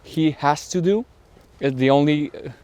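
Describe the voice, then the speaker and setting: A man co-hosting a podcast, retelling a plot in a halting, rambling way while strolling outdoors. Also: a little high, darkish tone, smooth. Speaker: podcast co-host. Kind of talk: casual chat while walking.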